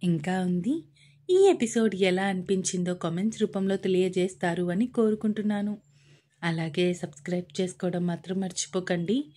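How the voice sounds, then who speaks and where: A woman reading a romance story aloud as the storyteller of the channel, in an even narrative manner. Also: lowish voice, moderate pace.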